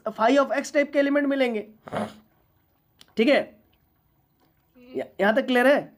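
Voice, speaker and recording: A woman teaching a university maths class, lecturing patiently and often asking whether students follow. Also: high voice. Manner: patient, checks understanding often.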